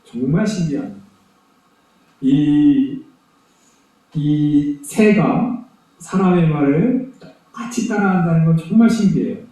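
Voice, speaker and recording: High-voiced pastor in an echoey church. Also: male voice, slow, long pauses, distant mic. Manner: animated storyteller, emphatic repetition. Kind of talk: children's Sunday sermon, storytelling. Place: church sanctuary.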